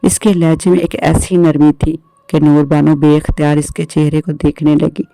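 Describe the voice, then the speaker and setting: A man reading a scripted horror story in an even, measured narration. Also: a little high, creaky, no room sound, poor audio.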